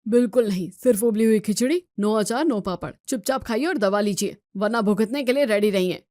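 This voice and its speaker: A woman's voice: medium pitch, fairly quick, a little mellow, no echo, close to an everyday voice. Woman doing a strict male doctor, commanding, dry close sound. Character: stern male family doctor.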